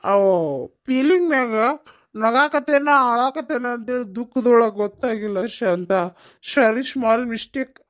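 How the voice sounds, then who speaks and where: A woman's voice: fairly high pitch, normal speed, close to an everyday voice. Woman playing tipsy, maudlin village headman. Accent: North Karnataka. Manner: drawling, mournful, pleading.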